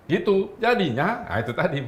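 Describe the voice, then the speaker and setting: Man, talk-show guest, swooping lively intonation, faint hiss behind. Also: sits high, normal speed. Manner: animated, acts out quoted speech. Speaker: guest commentator. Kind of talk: casual talk-show chat.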